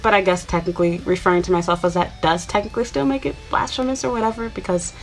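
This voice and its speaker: With faint music in the background, this twenty-something woman from Chicago talks fast in a steady, mid-range voice. She's a YouTuber addressing her viewers in a loose, chatty way, full of filler words.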